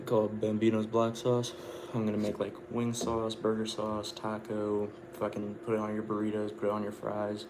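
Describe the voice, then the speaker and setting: A man with a lowish voice and little melody talks casually to his livestream while cooking and eating. He rambles and drops in easy swear words. Clear background noise sits behind him. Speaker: livestream host. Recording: clearly noisy room ambience.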